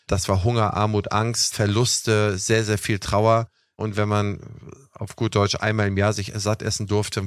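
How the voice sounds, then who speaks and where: This podcast host is a young adult man whose voice sits on the low side, recorded at studio quality without any echo. Hosting a relaxed talk show, he gives long, chatty explanations full of "ne?" and "was weiß ich."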